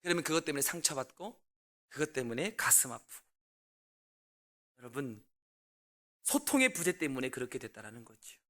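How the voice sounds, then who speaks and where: Lively, animated Korean pastor. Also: male voice, mid-range voice, moderate pace, long pauses. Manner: animated, swings between loud outbursts and quiet asides; asks the congregation questions. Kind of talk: storytelling sermon.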